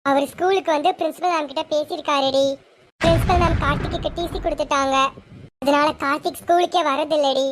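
A woman's voice: high voice, fairly even intonation, brisk, a little hiss or hum, natural voice. A woman voicing a blunt teenage schoolgirl who scolds her friend. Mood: scolding.

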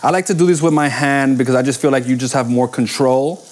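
A man's voice: mid-range voice, steady tone, fast talker. A man in his forties talks through a live cooking show in a home kitchen. He is chatty and upbeat, and he keeps up an easy running banter while he cooks. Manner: upbeat, chatty, calls his partner baby.

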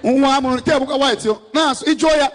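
Speaking very fast in a very high pitch, a Nigerian man in his thirties preaches from an outdoor stage to a big church rally crowd. He alternates between Igbo and English, holding the microphone in his hand.

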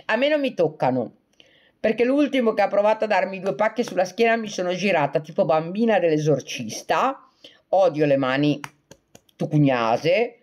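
A woman hosts a casual livestream, joking with viewers, reading their comments aloud and replying, and frequently breaking into laughter. Her mid-range voice is expressive and fairly quick, with a darkish tone.

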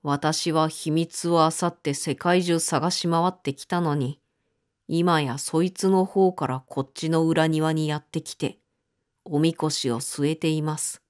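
A woman's voice: low-pitched, fairly even intonation. A woman reading the lines of a stern, businesslike male police chief in a storybook. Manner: brisk, businesslike.

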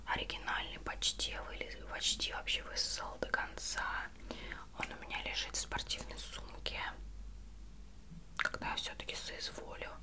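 A woman in her twenties speaking in a soft breathy ASMR whisper, rambling and self-ironic as she chats through a product review, often searching for words. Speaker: ASMR beauty vlogger. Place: small bedroom at home, indoors.

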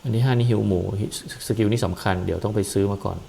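A man casually explaining a game's character class and skills, relaxed and hesitant, with frequent pauses and fillers. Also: on the low side, vocal fry, slight background noise, low-quality recording. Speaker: gameplay commentator. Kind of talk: casual game walkthrough.

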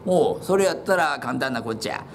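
A man's voice: medium pitch, lively intonation, fairly quick, slight background noise, lightly acted. A man performing rakugo, voicing an older neighborhood boss who scolds with dry retorts in a Kansai accent. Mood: scolding. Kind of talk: rakugo storytelling.

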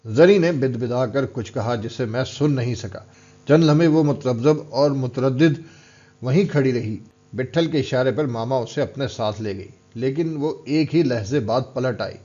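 A man narrates an audiobook in a steady, even way, his voice at a middling pitch. The recording is somewhat dull and lo-fi. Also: moderate pace. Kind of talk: scripted narration.

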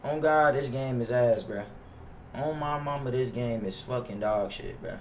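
A young adult man streams himself playing a basketball video game, chatting and reacting live in a slangy, profane, complaining way at a normal speed. His middle-pitched voice sits off-mic in a roomy, echoing space, with background noise and keyboard clicks.

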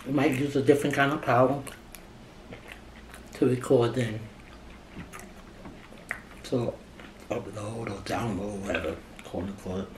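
A middle-aged woman with a low voice, chatting casually between bites as she eats in a mukbang vlog. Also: fairly even intonation, unhurried, pauses often. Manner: talking between bites while eating. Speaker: mukbang vlogger. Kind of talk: casual mukbang chat while eating. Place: small indoor room at a table. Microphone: camera a short distance away on table. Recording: echoey room with background noise.

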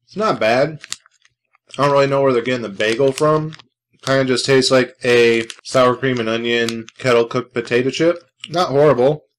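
A man's voice: mid-range voice, normal speed, slight background noise. A man hosting his own snack review vlog, talking casually with dry sarcasm and rambling asides. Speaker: food reviewer host.

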